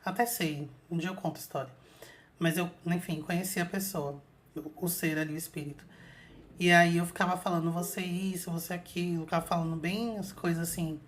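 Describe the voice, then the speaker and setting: On her own channel, a woman retells an astral projection story to viewers in a casual, filler-heavy way. Her voice sits on the low side, steady in tone and fairly quick.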